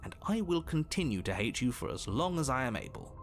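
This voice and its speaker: Solemn, brooding fairy-tale game narrator. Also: male voice, medium pitch, sing-song, a little fast, faint music behind. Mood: bitter, weary. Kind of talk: scripted second-person game narration.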